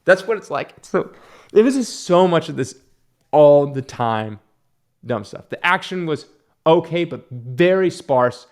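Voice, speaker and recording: A man rants through a casual movie review in a somewhat high voice. He sounds exasperated and mocking. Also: animated, measured pace. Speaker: film reviewer.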